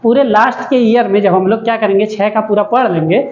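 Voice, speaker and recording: A woman teacher explaining an English lesson in Hindi to young students. She reads the English lines slowly, spells words out letter by letter and keeps checking with "ठीक है ना?". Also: mid-range voice, a little mellow. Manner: slow, drawn-out reading of English lines. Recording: echoey room, dull lo-fi sound.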